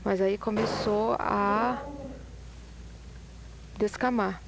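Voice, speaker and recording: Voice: medium pitch, steady tone, drawn-out words, vocal fry, a crowd in the background, rough recording. An interpreter translating a lecture live, phrase by phrase.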